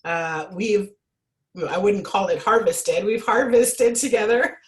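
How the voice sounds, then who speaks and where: A woman originally from Jamaica, a sommelier, hosts a casual interview in a medium-pitched voice at a slow pace. Her questions are friendly and winding, full of asides.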